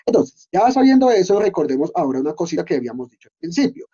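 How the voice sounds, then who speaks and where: A man's voice: a little high, big pitch swings, fast, mellow, slightly rough, dull audio. A man giving a screen-recorded coding lesson, explaining step by step and often checking in with his students. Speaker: instructor.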